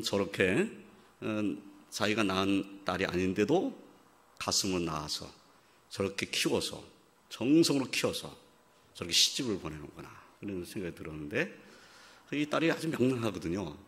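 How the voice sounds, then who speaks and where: Bright-voiced Korean preacher telling a story. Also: male voice, fairly low pitch, very animated. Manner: quiet, halting storytelling that rises to loud emphatic preaching; acts out quoted voices of fathers and God. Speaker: pastor. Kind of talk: sermon with storytelling.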